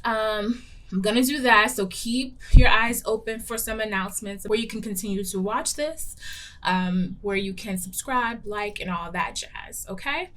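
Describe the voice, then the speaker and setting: A woman's voice: mid-range voice, a little slow, fairly bright tone. A young adult woman hosting a casual book review vlog, talking candidly with lots of ums and the odd playful swear word. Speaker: book reviewer and show host.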